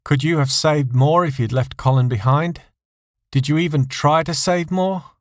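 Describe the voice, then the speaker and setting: A man's voice: on the high side, normal speed, dry recording, clean studio sound, pitched above the performer's own voice, natural voice. A man voicing a bitter, scornful wife in audio story dialogue, cutting and accusatory. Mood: bitter, cold. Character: bitter, scornful wife refusing all sympathy.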